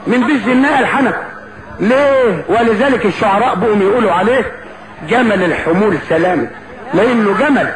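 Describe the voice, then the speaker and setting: High-voiced Egyptian man, cafe-style epic storyteller. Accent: Egyptian Arabic. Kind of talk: Arabic cafe storyteller reciting a folk epic. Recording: roomy echo, clear background noise.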